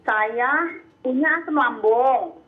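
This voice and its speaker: A woman phoning in, speaking in a halting, informal way. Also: fairly high pitch. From North Sumatra, Indonesia. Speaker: phone-in caller. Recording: tinny phone line.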